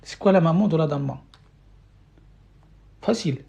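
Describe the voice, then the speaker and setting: A woman's voice: low voice, moderate pace, gravelly, mellow, highs cut off. A woman giving a live-streamed Arabic lesson in French, patiently repeating questions to her viewers, with many fillers and restarts. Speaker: Arabic teacher. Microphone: phone or webcam mic.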